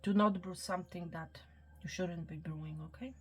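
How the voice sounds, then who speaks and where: A psychic reader, a woman with a voice on the low side, speaks at a normal speed and steady tone through a tarot-style spiritual reading to camera. A little hiss or hum sits under soft background music. She is soothing, checks in with the listener, drops to whispers, and repeats "okay" and "my friend."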